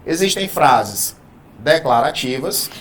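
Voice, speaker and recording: In a Portuguese grammar video lesson, a man with a mid-range, very animated voice takes his time over slight background noise. His style is didactic and patient, drawing out important words and often asking "né?" and "tá?".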